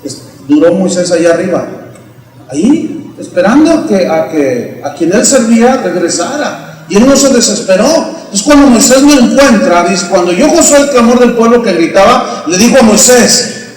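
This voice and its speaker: Mexican male preacher, high voice, theatrical sermon delivery, distant and echoey church-hall sound. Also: expressive, moderate pace. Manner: dramatic preaching, acting out scenes with sudden shouts. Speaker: pastor.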